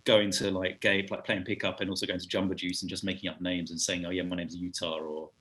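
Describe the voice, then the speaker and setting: Bright-voiced British man telling stories. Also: low-pitched, fast. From United Kingdom. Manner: animated, laughs while telling stories. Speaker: podcast guest. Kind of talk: casual storytelling chat.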